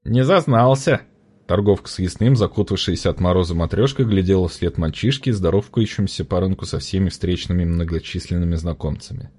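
A man narrating a first-person audiobook in an expressive, colloquial storytelling manner. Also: deep voice, a little fast, hardly any pauses, breathy edge.

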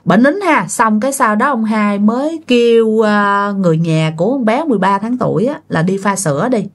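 A woman's voice: mid-range voice, expressive, moderate pace. A woman telling a ghost story in a chatty way, often speaking straight to her listeners. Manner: chatty, addresses listeners directly.

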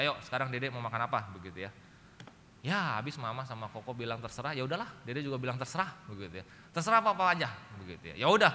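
A male pastor with an Indonesian accent delivering a sermon, telling a family story and acting out the voices, often addressing the congregation directly. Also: mid-range voice. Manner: keeps addressing the congregation as ladies and gentlemen. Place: church hall. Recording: reverberant church hall with faint noise.

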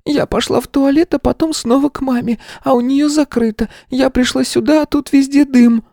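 Little girl played by a man, frightened, whimpering, very high voice, dry close sound. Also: steady tone, moderate pace, gravelly, mellow, no echo. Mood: scared, tearful. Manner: whimpering, sobbing. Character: frightened little girl about seven, tearful.

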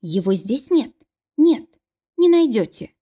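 A woman's voice: big pitch swings, unhurried, mellow, husky, heavily acted. Woman voicing a tearful young princess. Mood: desperate. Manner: pleading, near tears, higher than the narration. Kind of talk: audiobook character reading.

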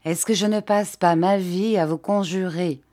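A woman reading an audiobook, voicing a dignified older mother who speaks in a measured, gently reproachful way. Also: on the low side, fairly even intonation, natural voice.

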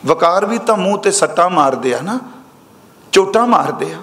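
A high-pitched male preacher works through scripture, drawing out the verses he quotes in a slow chant. His voice rings around a large hall with a long, echoing tail. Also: lively intonation, a bit bright. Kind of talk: sermon explaining scripture. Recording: echoey hall with long reverb.

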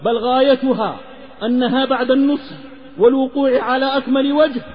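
High-pitched impassioned preacher in echoing hall. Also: male voice, fairly even intonation, fairly quick. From Hijaz, Saudi Arabia. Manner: impassioned, half-chanted delivery. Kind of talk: Islamic sermon with a moral tale. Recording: lecture recording with long reverb, slightly dull.

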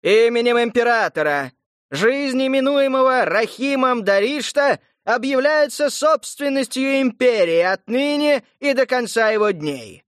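A man voicing a male court herald who bellows proclamations in a shrill, ringing voice. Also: lively intonation, measured pace, no echo, studio quality. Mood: proclaiming. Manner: shrieking, booming proclamations.

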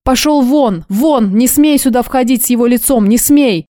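A woman voicing a young heroine who shouts furiously in an audiobook. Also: fairly high pitch, fairly quick, no echo, studio quality, pitched above the performer's own voice, natural voice.

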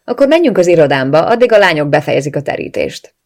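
A reader voicing a friendly, welcoming older brother in an audiobook, speaking up brightly. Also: male voice, a little high, sing-song. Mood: hearty. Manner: friendly, inviting. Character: hearty male older brother, welcoming host.

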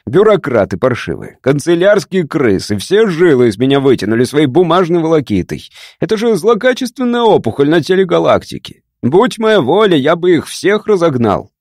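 A man voicing an irate, gruff male starship captain in an audiobook. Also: a little high, very animated, moderate pace, hardly any pauses, a little mellow, no room sound, studio quality. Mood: indignant. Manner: gruff, explosive, grumbling.

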